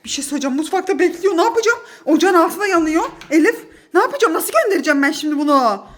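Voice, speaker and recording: A woman's voice: extremely high pitch, lively intonation, very fast. A mother in her thirties filming her kids at home, flustered and laughing as she urges them on. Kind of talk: casual family vlog. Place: apartment home indoors.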